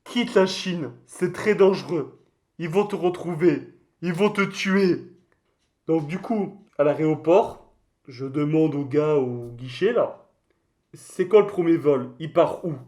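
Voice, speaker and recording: A man's voice: on the high side, takes it slowly, a little mellow. A man voicing a touchy, boastful mascot creature in a comic mock interview, rambling in crude slang. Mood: rambling storytelling. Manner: slangy, crude, hesitant rambling storytelling with outbursts.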